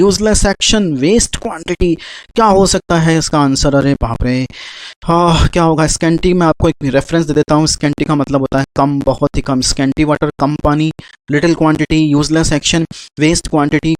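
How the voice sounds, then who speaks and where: A man runs a vocabulary quiz. He talks in an animated way and counts down timers aloud. His voice is recorded dry and close, with no room sound. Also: fairly high pitch, dry recording, poor audio. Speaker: English quiz teacher. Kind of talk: Hindi-language vocabulary quiz.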